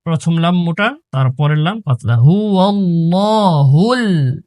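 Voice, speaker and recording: A man teaching tajweed at a very slow, deliberate pace. His fairly high, smooth voice names each letter and vowel mark, then stretches the word out in a chanted recitation. The sound is close and dry. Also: animated, a little mellow, no room sound.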